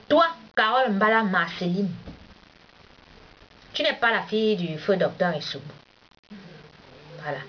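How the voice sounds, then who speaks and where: A woman, scolding a rival in a heated, repetitive monologue. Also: mid-range voice. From Cameroon. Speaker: vlogger. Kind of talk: confrontational monologue addressed to a rival. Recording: dull lo-fi recording with faint hiss.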